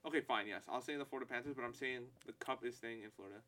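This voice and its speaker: A young adult man co-hosting a casual podcast, animated and swearing, saying bro a lot. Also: medium pitch, very fast. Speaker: podcast co-host. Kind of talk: casual chat.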